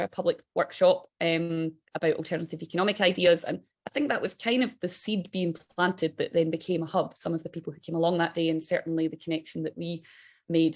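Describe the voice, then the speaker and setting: Broad Scottish woman, slightly creaky voice. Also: fairly low pitch, a little mellow. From Scotland. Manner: chatty, enthusiastic. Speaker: guest speaker, interim director of an organisation. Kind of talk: informal public presentation. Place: online video call.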